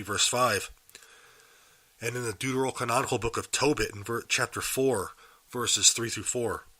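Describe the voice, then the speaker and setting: This daily Bible podcast comes live and unedited from a host recovering from a cold, so his mid-range voice remains slightly raspy. Sharp in tone, he explains a passage with sincerity and keeps asking his audience questions.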